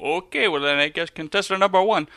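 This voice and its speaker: A man's voice: on the high side, fast talker, bright, forceful tone, no room sound, clean studio sound. A man playing a touchy, imperious terrorist bachelor on a parody dating show. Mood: polite, hesitant. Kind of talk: comedy sketch acting.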